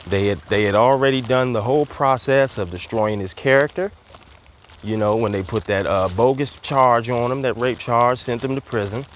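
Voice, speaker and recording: Walking outdoors and a bit out of breath, a male commentary host delivers a casual monologue in a medium-pitched voice at a moderate pace. His delivery is loose and emphatic, packed with fillers and repeated words, with slight background noise in the recording.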